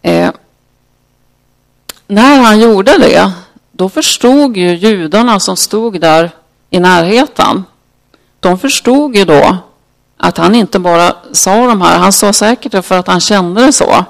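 A preacher giving a devotional talk, halting with fillers, then reading scripture slowly and solemnly. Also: medium pitch, expressive, vocal fry.

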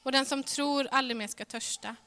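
A woman preaching a sermon in a church, earnest, moving between ringing emphasis and hushed softness. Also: high voice, steady tone. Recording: reverberant hall sound.

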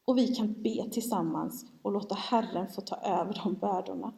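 A woman's voice: mid-range voice, vocal fry, mellow. A woman preaching a sermon, candid and self-mocking as she tells a family story. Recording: long hall reverb.

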